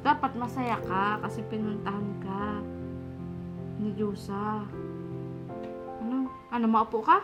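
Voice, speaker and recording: A woman vlogger in casual chat, coaxing and repeating her questions loudly to an elderly woman. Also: mid-range voice, steady tone, measured pace, long pauses, loud music behind the voice.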